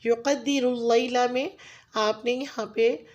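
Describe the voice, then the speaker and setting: A woman with a Pakistani Urdu accent teaching Quran recitation rules, patiently explaining each sound and slowly sounding out the Arabic words. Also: on the high side, fairly even intonation, a little mellow. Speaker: tajweed teacher.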